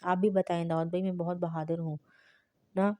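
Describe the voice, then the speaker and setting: A tearful, innocent young bride who pleads to be forgiven, as a woman reading a novel voices her. The voice is low and level, with little rise and fall. It is a storybook reading. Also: flat delivery, dark tone, no echo, close to an everyday voice. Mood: pleading.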